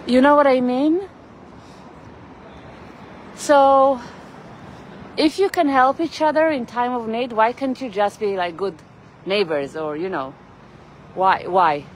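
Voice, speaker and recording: In a rough recording from a handheld phone camera, a woman walks a city street while live-streaming, rambling casually and greeting people by name. Her voice is slightly high, and she speaks slowly with long pauses. Traffic and street ambience fill the background.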